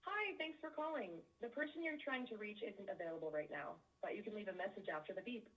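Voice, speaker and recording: Give me a bright voicemail greeting from a woman, heard over a phone line. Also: medium pitch, lively intonation, fast. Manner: scripted, upbeat prompt. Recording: muffled phone audio, distant.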